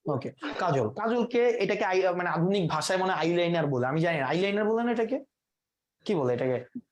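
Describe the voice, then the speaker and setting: A man's voice: high-pitched, animated, fairly quick. A man leads a classroom vocabulary lesson. He explains each word step by step, stopping to quiz the students. He drops English terms into his sentences as he teaches. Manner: asks the class quiz questions, mixes in English words.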